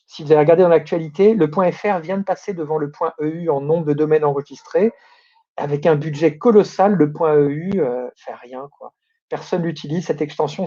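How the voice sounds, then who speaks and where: Man, opinionated news commentary, grumbling, mellow dark voice, slightly lo-fi. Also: fairly high pitch. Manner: opinionated, grumbling, many fillers and restarts. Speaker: domain name news host.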